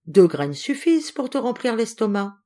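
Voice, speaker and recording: Sly clever tortoise from a storybook, woman doing the voice, slow and teasing, bounces around a lot. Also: a little high, sing-song, dark tone, pitched above the performer's own voice. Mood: scheming. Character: cunning clever female tortoise.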